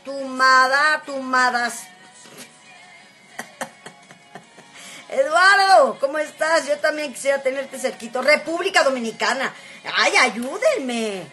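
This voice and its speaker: Chatty woman on a phone live-stream. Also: high-pitched. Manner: chatty, reads viewer comments aloud, greets viewers warmly. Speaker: Instagram live host. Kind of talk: casual live-stream chat.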